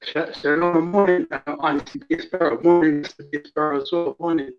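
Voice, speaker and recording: A high-voiced man stammers and repeats his words over a choppy conference call from his cell phone. The line sounds muffled, and faint music plays behind him. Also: steady tone, moderate pace. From United Kingdom. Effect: choppy conference-call audio from a cell phone. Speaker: guest caller on an online panel. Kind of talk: casual chat.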